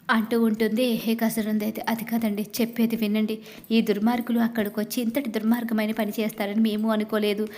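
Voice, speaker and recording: A woman retells a TV serial episode in one long, steady stream, chaining scenes together and reading every character's lines in her own voice. Her voice sits fairly high and stays very level in pitch. Her delivery is more a running retelling than acting. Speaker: serial recap narrator.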